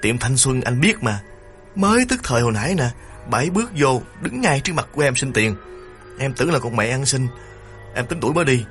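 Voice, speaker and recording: A man's voice: lowish voice, lightly acted. A man voicing a terrified young thief who pleads and whimpers breathlessly in an audiobook.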